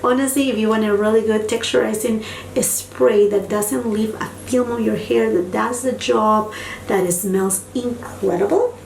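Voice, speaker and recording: Far from the mic, a woman with a slightly high, gravelly, darkish voice talks at a moderate pace in a steady tone. She is a beauty vlogger whose first language is Spanish, gushing through a casual product review in an echoey room with faint hum and repeating words for emphasis.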